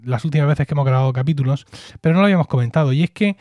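A man's voice: fairly high pitch, very fast, darkish tone, dry recording. A man from co-hosting a podcast in casual chat, jokey and chatty, often restarting his words. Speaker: podcast co-host.

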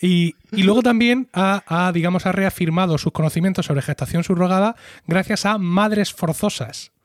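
A man's voice: high-pitched, normal speed, no room sound, clean studio sound. A middle-aged man hosting a podcast, recapping a sitcom episode in casual chat and wryly acting out the lines he quotes. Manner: chatty, wry, acts out quoted lines. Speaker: podcast host.

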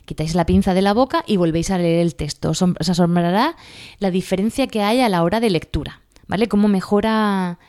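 A woman's voice: on the low side, a little mellow. A woman with a Spanish accent from Spain, giving a casual spoken lesson with exam advice. She is chatty, laughs at herself and keeps asking her listeners if they follow. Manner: chatty, laughs at herself, asks "¿vale?" often.

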